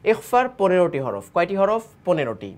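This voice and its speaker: A man from Bangladesh gives a Quran reading lesson. He spells each word letter by letter, then draws the blended word out slowly. He keeps asking quick questions and answering them himself. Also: sits high, big pitch swings. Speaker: Quran recitation teacher.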